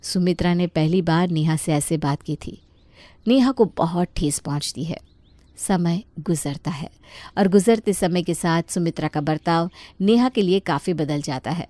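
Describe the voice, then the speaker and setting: Woman narrator, cartoon moral story, steady plain telling, dry studio voice-over. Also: lowish voice, moderate pace, no echo.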